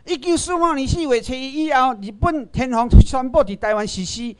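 Taiwanese guy lecturing a class, really high voice, keeps quizzing the room. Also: normal speed, clean tone. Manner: rhetorical, keeps quizzing the audience and asking for raised hands.

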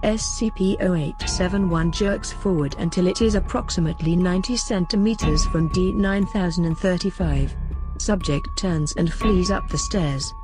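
A woman reading a scripted report in a steady, clinical narration. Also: on the low side, moderate pace, over music.

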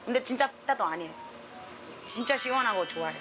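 A woman's voice: fairly high pitch, lively intonation, fast talker, fairly bright tone. A woman from Colombia, a native Spanish speaker with a Colombian accent, chatting casually and expressively. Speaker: featured subject of a documentary. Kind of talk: casual chat to camera. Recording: background music under the voice.

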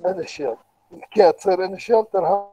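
A man's voice: high voice, moderate pace, crowd noise, rough recording. A male lecturer with an Iraqi Arabic accent, patiently explaining step by step in an online university lecture and asking the class questions. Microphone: computer microphone, online lecture.

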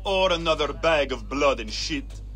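Sardonic arena master, animated and theatrical. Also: male voice, a little high, a little slow. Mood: gruff, commanding. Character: jaded, mocking male gladiator arena master. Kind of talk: video game voice acting.

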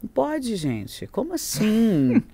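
A young Brazilian woman, a guest on a talk show, chatting playfully and animatedly and slipping into quick impressions. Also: medium pitch, huge pitch swings, mellow, breathy edge. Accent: Brazilian Portuguese. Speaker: guest, good-humor specialist. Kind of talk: casual chat.

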